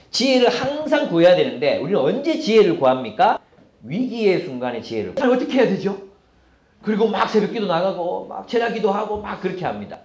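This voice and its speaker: Lively high-pitched Korean pastor preaching. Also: male voice. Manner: lively preaching with rhetorical questions, reads scripture aloud. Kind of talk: sermon. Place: church sanctuary. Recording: echoey church hall.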